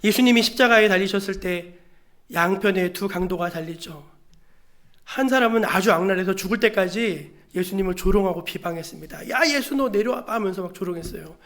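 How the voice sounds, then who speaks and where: A man's voice: high voice, fairly quick, a bit bright. A male pastor preaching a sermon in a church, emphatic, with rhetorical questions to the congregation and calls to read scripture aloud together. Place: church sanctuary.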